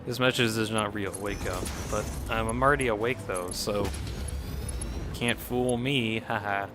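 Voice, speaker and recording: Steady in tone and fairly low in pitch, this man takes his time while streaming, chatting casually and drifting between topics as he plays. He reacts to chat, chuckles often and sounds a little nasal from a cold, with game music playing.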